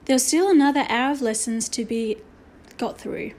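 A woman narrating a children's book in a steady, expressive storytelling manner. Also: fairly high pitch, moderate pace. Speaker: audiobook narrator.

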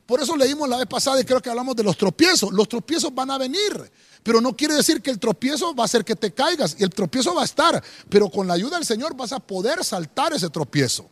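High-pitched animated man preaching. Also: quick pace. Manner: preaching with rising emphasis, repeated "hermano". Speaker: pastor. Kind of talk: sermon.

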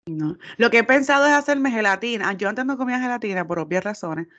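A woman's voice: fairly high pitch, animated, quick pace, a bit bright, lo-fi sound. A woman, co-hosting a casual podcast chat, laughing often and mixing in English phrases. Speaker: podcast co-host.

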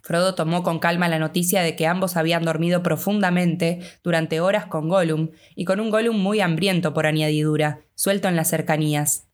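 Low-voiced Rioplatense woman narrating. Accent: Rioplatense Spanish. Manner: steady, measured reading. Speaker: audiobook narrator. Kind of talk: scripted narration.

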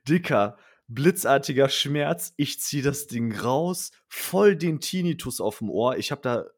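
A man's voice: mid-range voice, unhurried, no echo, clean studio sound. Slangy young man telling a story. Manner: slangy, animated storytelling with acted quotes. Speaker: storyteller in a chat. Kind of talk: casual chat.

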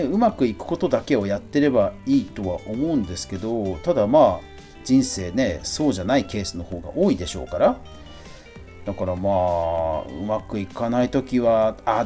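A middle-aged man hosts a podcast solo, casually answering a listener letter with a conversational, self-deprecating touch. His voice is on the low side and mellow.

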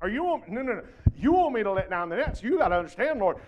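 A man's voice: high-pitched, very animated, highs cut off, slight background noise, pitched above the performer's own voice. A man preacher voicing an exasperated, condescending grown fisherman who complains at length. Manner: indignant, drawn-out complaining.

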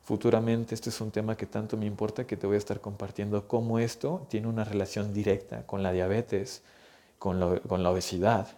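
A man's voice: lowish voice, level tone, a little fast, mellow. A young man, a physical therapist giving earnest, urgent health advice straight to the listener. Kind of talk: direct-to-camera health advice.

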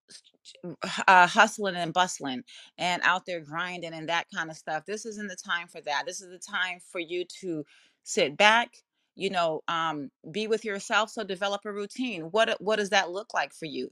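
A woman's voice: fairly low pitch, bright, forceful tone, dry recording. A woman hosting an astrology podcast with traces of a Jamaican accent, talking casually and rambling through her points with many restarts. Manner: rambling, self-interrupting, conversational. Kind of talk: casual spoken talk to listeners.

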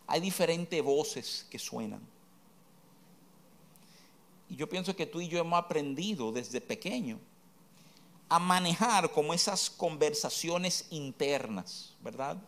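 Hombre predicador de voz algo aguda. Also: male voice, a little high. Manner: earnest, direct, addresses listener as "tú", rhetorical questions. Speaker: preacher. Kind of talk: Bible teaching to a listener.

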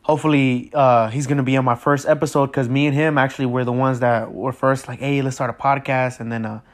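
A man's voice: mid-range voice, fairly even intonation, quick pace. A teenage boy from Mexico hosting his first solo podcast episode, talking casually and nervously with lots of fillers and restarts, without a proper mic. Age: teens. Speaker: podcast host.

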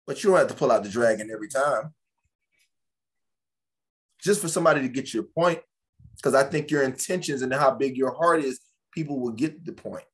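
A man's voice: medium pitch, brisk, long pauses. A man in a casual podcast conversation, speaking animatedly, often restarting and repeating phrases as he gives advice.

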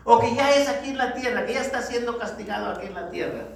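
High-voiced man preaching in an echoey hall. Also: fast talker, creaky. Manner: emphatic, swinging from loud exhortation to low grave tones; addresses the congregation as brothers. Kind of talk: sermon. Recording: very echoey hall, distant mic, faint noise.

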